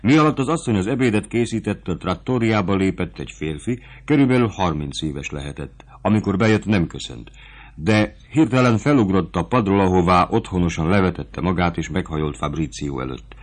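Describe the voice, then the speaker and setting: A man narrating a classic novel in measured audiobook style. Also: deep voice, lively intonation.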